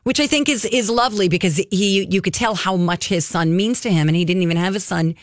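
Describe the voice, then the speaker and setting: A woman co-hosting a talk show recaps events in a chatty, animated way. Her voice sits at a middle pitch, close and dry in the studio with no room echo. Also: a little fast. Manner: chatty storyteller, recaps with quoted asides. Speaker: radio show co-host. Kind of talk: casual talk-radio chat.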